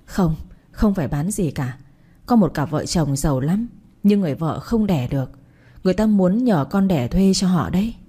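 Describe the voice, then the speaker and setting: A middle-aged mother in a storybook reading, desperate and begging. A woman acts her out in a low, breathy voice with a soft, mellow tone. Her speech is pleading throughout. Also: animated, moderate pace. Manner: pleading, tearful.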